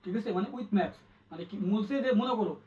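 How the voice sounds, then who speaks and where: A high-voiced man rattles through an exam-prep grammar lesson at a brisk clip, quizzing his students over and over. He sounds a little distant from the mic, and the recording is dull. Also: darkish tone. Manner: quick, repetitive, asks the student questions. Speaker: English tutor.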